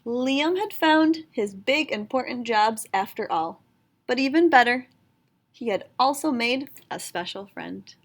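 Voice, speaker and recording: Reading a picture book for children, a woman uses an expressive storyteller's style, with a fairly high pitch and a measured pace.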